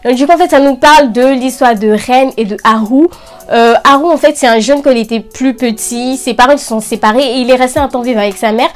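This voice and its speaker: A woman's voice: high-pitched, fairly quick. A young woman talking casually and slangily as an enthusiastic anime fan, recommending things to her video audience. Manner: informal youth slang. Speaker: anime review channel host.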